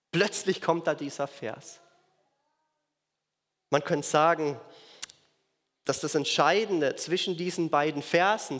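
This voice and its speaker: Earnest preacher, slightly high voice, reverberant hall. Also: male voice. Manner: earnest, repeats key phrases for emphasis. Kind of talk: sermon. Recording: long reverb of a large hall.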